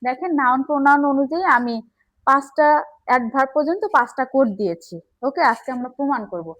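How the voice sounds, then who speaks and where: High-voiced woman teaching grammar. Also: animated, fast talker, a bit bright, poor audio. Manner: explains step by step, checks with "okay?". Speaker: English teacher. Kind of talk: classroom grammar lesson.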